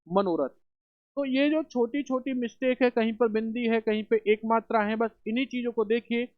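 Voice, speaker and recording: In this spelling lesson for exam preparation, the male teacher's voice is very high and his speed normal. He answers his own rhetorical questions and calls students children and brothers, recorded dull and dry at home without echo.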